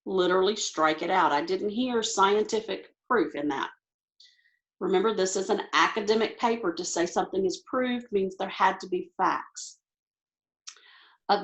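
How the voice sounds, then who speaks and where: A woman teacher talking quickly and thinking aloud as she walks through test questions on a video call. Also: medium pitch. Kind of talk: recorded online lesson.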